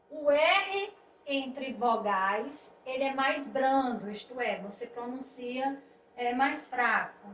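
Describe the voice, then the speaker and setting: A female teacher with a high voice gives a slow spelling lesson, explaining carefully and repeating points with "isto é". The room is echoey, her voice sounds a bit distant, and there's faint noise.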